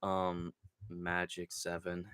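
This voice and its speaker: A man's voice: sits low, takes it slowly, clear, resonant tone, no room sound, clean studio sound. A young man hosting a casual livestream, with a stuffy nose from a cold, rambling and swearing as he talks through fight picks. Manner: profane, rambling, excitable. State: nasal from a cold. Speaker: livestream host.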